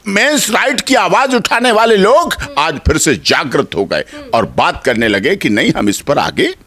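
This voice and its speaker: Impassioned male lawyer in an interview, fairly high voice, rhetorical and emphatic, swings up and down a lot. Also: very animated, a little slow, fairly bright tone. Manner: impassioned, rhetorical, piles up repeated phrases. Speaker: senior advocate being interviewed. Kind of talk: heated interview answers.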